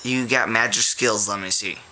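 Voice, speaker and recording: A very drunk man in casual chat, rambling and swearing in a gravelly voice. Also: on the low side, steady tone, normal speed, bright, forceful tone. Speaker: drunk friend being recorded. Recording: hissy, noisy home recording.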